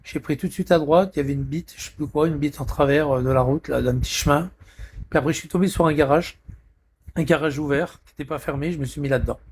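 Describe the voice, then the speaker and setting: A man's voice: fairly high pitch, steady tone, fast talker, a little mellow, slight background noise. A man in a rambling live stream chat, irritable and swearing constantly, talking from a friend's apartment.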